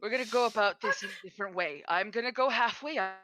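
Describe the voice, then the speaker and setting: A woman's voice: mid-range voice, fast talker, dry recording. A woman playing a tabletop game over a voice call, her audio breaking up on a bad connection. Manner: animated, laughs often. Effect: bad connection, audio cutting out. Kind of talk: casual play over a voice call.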